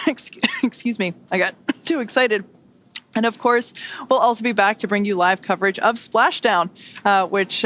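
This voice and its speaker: A woman hosting a live space mission webcast, talking with excitement and laughing easily. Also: mid-range voice. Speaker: webcast host. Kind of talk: live launch webcast commentary.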